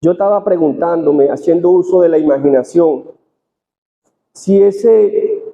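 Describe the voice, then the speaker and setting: Venezuelan male preacher, a little high-pitched, measured sermon delivery, phone-quality recording in an echoing hall. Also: vocal fry, warm tone. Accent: Venezuelan Spanish. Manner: reads slowly and deliberately, with restarts. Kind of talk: sermon with scripture reading. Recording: tinny phone-line sound in a reverberant hall.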